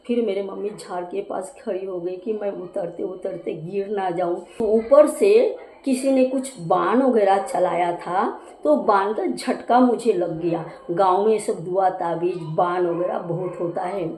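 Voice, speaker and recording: Here the same cooking vlogger recounts her childhood casually, stopping now and then to define local terms. Her mid-range voice is unhurried with a darkish tone, caught on a rough, reverberant recording with a little hiss or hum.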